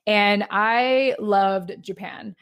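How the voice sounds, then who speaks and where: A woman's voice: mid-range voice, extremely slow, fairly bright tone, smooth, dry recording, studio quality. A woman in her thirties hosting a podcast, chatting in an upbeat, talkative way with frequent restarts. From United States. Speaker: podcast host. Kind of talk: casual interview chat.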